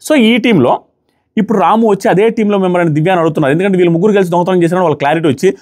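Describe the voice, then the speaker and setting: A man reviewing a reality show live, retelling the day's events in an animated way and acting out the contestants' lines. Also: high-pitched, very fast.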